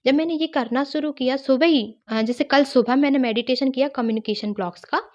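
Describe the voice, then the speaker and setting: A woman's voice: sits high, fairly quick. Earnest woman telling a personal story. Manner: earnest, quotes others' words in her retelling. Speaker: guest sharing a personal testimony.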